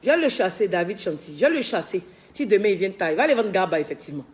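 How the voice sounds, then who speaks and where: A woman's voice: mid-range voice, big pitch swings, racing. A tired woman hosting a casual live stream from her unfinished villa, chatting and teasing, reading out viewer comments. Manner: chatty, teasing, scolds workers. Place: her villa under construction.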